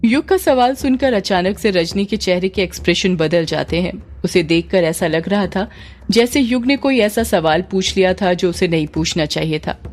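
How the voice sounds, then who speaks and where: A woman reading a scripted story in a steady, descriptive way as a storyteller. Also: fairly low pitch, normal speed, faint music behind.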